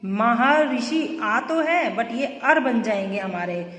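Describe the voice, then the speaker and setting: A woman's voice: fairly high pitch, expressive, slow pace, fairly bright tone. A woman teacher giving a grammar lesson, explaining step by step and asking the class questions as she goes. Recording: echoey room with long reverb.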